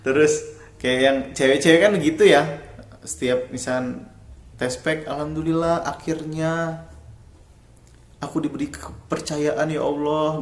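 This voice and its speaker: A young man chats through a personal story for his vlog. He talks in a loose, slangy, rambling way at a middle pitch, and the room around him rings with echo. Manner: chatty, rambling, slangy Jakarta-style speech. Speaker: vlogger.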